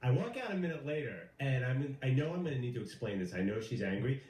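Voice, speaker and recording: A man's voice: medium pitch, sing-song, quick pace, darkish tone, far from the mic, a little hiss or hum. A man on a chat show telling his side of a prank he pulled. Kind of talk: casual storytelling chat. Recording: roomy sound from off mic, faint ambience.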